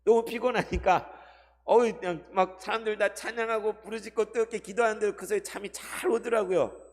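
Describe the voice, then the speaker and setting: A male pastor giving a Sunday sermon, asking the congregation questions and swinging between loud and hushed delivery. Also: high voice, fairly even intonation, a little fast. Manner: addresses the congregation with rhetorical questions; dramatic shifts between loud and soft delivery. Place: church sanctuary. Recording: long hall reverb.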